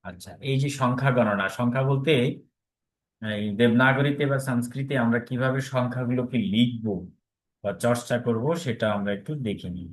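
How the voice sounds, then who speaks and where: A man of middling pitch teaching over a video call. He talks in a patient classroom way, saying each word slowly and then again so learners can repeat it. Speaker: Sanskrit teacher.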